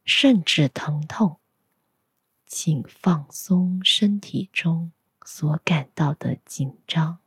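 Recorded with clean studio sound and no room sound, a woman leads a guided meditation in a soothing whisper. She speaks extremely slowly in a very breathy, low voice, softly instructing like a spa relaxation track.

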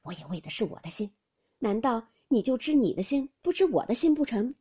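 A woman voicing a gentle young nobleman in an audiobook, speaking in a soft, pleading, half-whispered way. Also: fairly high pitch, sing-song, fairly quick, slightly rough. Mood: coaxing.

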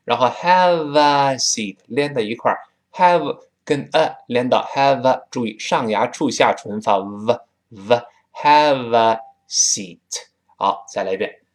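A man from Tianjin with a Tianjin accent, teaching spoken English in a chatty style and drawing out words slowly to demonstrate them. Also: mid-range voice. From Tianjin, China. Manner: drawn-out slow demonstrations of words; lively and chatty.

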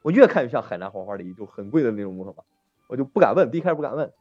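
A man's voice: mid-range voice, big pitch swings, racing, darkish tone, no room sound, muffled recording, soft background music. A man hosting a casual podcast chat, telling stories animatedly and acting out the people in them. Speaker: podcast host.

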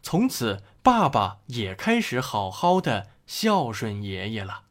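A man narrating a moral story for children in an expressive storytelling manner. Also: medium pitch, slow pace.

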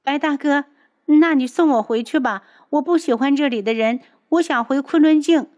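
女声演绎的娇嗔哭腔的年轻姑娘. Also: female voice, high voice, normal speed, darkish tone, dull audio, pitched above the performer's own voice, close to an everyday voice. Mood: whiny pleading. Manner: tearful pleading. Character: whiny clingy young woman.

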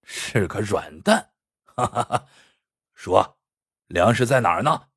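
Storyteller guy doing a low gruff swearing bandit, rough and husky. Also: lively intonation, slow pace, a bit bright, dry recording, studio quality, full character voice. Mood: snarling. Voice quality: gruff, cursing. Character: coarse brutal male mountain bandit.

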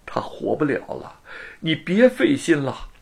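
A gentle young woman who is a street performer's daughter, voiced by a man narrator in a storybook reading. She speaks softly through tears. Her voice carries a wide pitch range. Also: huge pitch swings, a little slow, creaky, heavily acted. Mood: tearful. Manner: soft, tearful.

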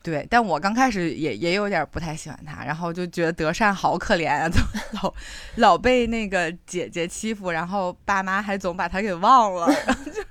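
A woman with a somewhat low voice chats casually on a podcast, reflective and full of fillers. The sound is dry and close, with no room around her. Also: a little fast, a bit bright, no room sound. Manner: chatty, many fillers, reflective. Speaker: podcast co-host. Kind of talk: casual chat.

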